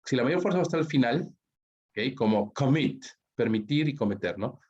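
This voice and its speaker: An animated, slightly rough, darkish mid-range voice at moderate pace belongs to a man from Peru teaching English grammar online. With his Peruvian Spanish accent, he breaks the rules down step by step and keeps asking "¿ok?" and "¿no?" nearly every line, captured in a dull lo-fi recording.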